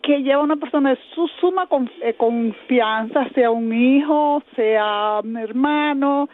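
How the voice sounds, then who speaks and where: A woman's voice: sits high, a little slow, slight background noise. A woman calling a radio show to earnestly correct a point. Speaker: caller. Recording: tinny phone line.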